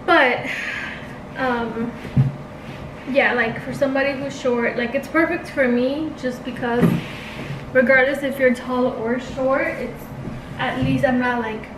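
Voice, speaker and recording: A woman's voice: a little high, steady tone, measured pace, background noise. A woman freelance makeup artist chatting casually in a vlog, full of "um" and "like". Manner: chatty, many fillers like "um" and "like".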